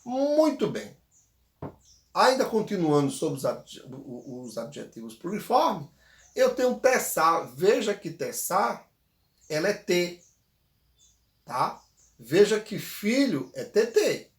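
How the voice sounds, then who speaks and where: A man teaching a grammar lesson, patiently repeating words slowly so the viewer can say them back. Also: sits high, sing-song, reverberant. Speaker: Tupi language teacher.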